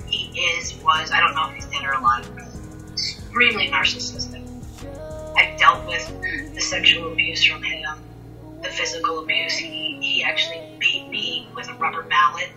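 A woman guest recounting a personal story in conversation, halting and intense, often repeating words. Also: low-pitched, sharp tone, recorded from a distance, poor audio.

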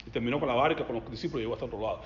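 A man preaching a sermon, swinging between loud emphatic passages and quiet low asides. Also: very fast, a little hiss or hum. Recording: echoey hall, slightly dull sound.

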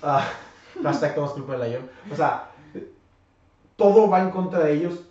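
A man's voice: fairly high pitch, normal speed, a little mellow. A young man with a Mexican accent, questioning and pushing back in a casual podcast debate. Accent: Mexican Spanish. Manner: probing, questioning. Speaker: podcast co-host. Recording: very echoey room, distant mic, dull sound.

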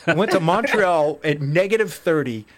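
A man's voice: on the high side, animated, moderate pace, slight background noise. A middle-aged man hosting an interview podcast, chatty and self-deprecating, often repeating words as he talks. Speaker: podcast host. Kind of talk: casual interview.

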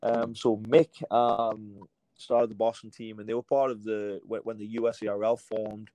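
A man in his late thirties from England, whose English accent carries a faint American edge, talks through his career as a rugby league coach. He rambles and restarts often, in a somewhat low voice. The recording is dry, with no room sound. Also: level tone, moderate pace, mellow, no echo, poor audio. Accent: English with a slight American tinge. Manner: rambling, with many fillers and restarts. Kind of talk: relaxed storytelling interview answers.

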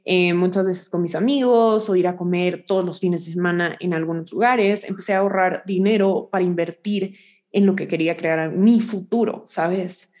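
A woman's voice: fairly low pitch, moderate pace, a little mellow. Young woman, kinda nasal voice, casual online class on social media, keeps checking in with the listeners. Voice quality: a little nasal.

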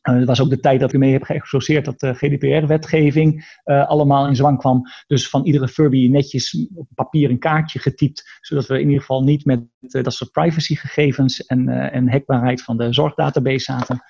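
Male interview guest, dark gravelly voice, thoughtful and halting, muffled recording. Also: medium pitch, flat delivery. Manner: thoughtful, hesitant with many fillers and restarts. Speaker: guest, artist and robot researcher. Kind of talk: conversational interview.

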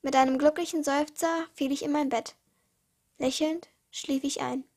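High-voiced teen girl reading her stories. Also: fairly even intonation, moderate pace, darkish tone. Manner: reads with small slips and restarts, uneven pace. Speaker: podcast host reading her own stories. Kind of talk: reading self-written stories aloud.

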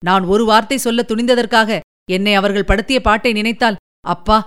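A woman's voice: medium pitch, fairly even intonation, a little fast, fairly bright tone, clean tone, lightly acted. A woman voicing a loyal, spirited young male warrior who speaks earnestly and emphatically.

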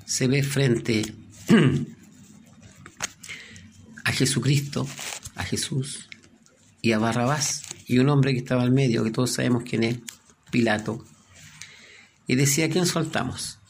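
A man preaching a sermon, telling a story and dropping to a hushed voice at its moving moments. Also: medium pitch, creaky, a little hiss or hum.

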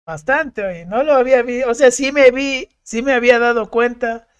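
A man's voice: extremely high pitch, normal speed, clean tone, no room sound. A man hosting a podcast, chatty and agreeable, adding short remarks and asides to the conversation. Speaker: podcast host.

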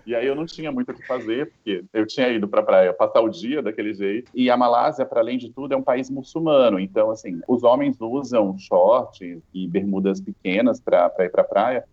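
A man's voice: medium pitch, fairly quick, few pauses, highs cut off. A Brazilian man with a Brazilian Portuguese accent, telling a story as a guest in a casual panel chat over a call. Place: video call.

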